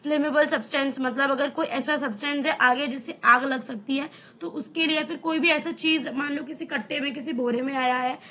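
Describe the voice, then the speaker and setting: High-voiced woman teaching casually. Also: steady tone, normal speed, hardly any pauses, sharp tone. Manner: chatty, explains with everyday examples and rhetorical questions. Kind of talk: casual online lesson.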